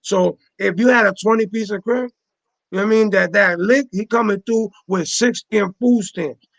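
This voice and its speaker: A man in his forties hosts a casual panel chat over a video call, his high-sitting voice moving at a moderate pace with some vocal fry. He's emphatic, peppers his talk with street slang, and keeps repeating his points. The recording has no echo.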